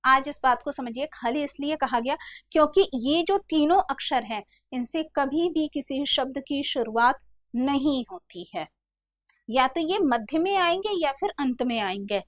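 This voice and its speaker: A woman teaching a grammar lesson, explaining step by step, slowly sounding out letters one by one and calling her students "beta". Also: high voice, lively intonation, no echo. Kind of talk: classroom lesson.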